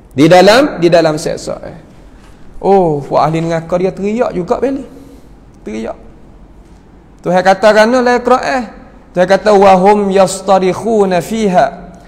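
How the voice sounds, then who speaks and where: A man's voice: high voice, long reverb tail. A man with a Kelantan-Patani Malay accent teaching Quran commentary in a mosque, telling stories and reciting Arabic verses before explaining them. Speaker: religious teacher.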